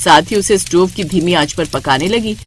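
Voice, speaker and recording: A woman narrating a moral story in a measured storytelling manner. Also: on the low side, slight background noise. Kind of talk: scripted narration.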